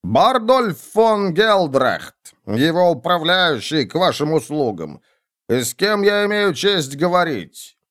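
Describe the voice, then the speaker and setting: Man reading as an old portly steward, courteous, formal, pitched higher, audiobook. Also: big pitch swings, slow pace, a bit bright, dry recording, clean studio sound, heavily acted.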